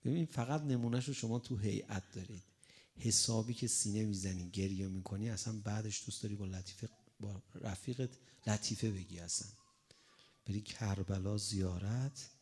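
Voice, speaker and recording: A man preaching a sermon in an animated way, acting out a crying child and the replies to it. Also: lowish voice, vocal fry, husky.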